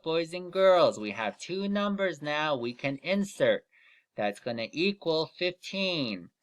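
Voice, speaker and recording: A man teaching young children in the manner of a kids show host, explaining deliberately step by step and often checking in with "okay?". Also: on the high side, a bit bright. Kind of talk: children's lesson instruction.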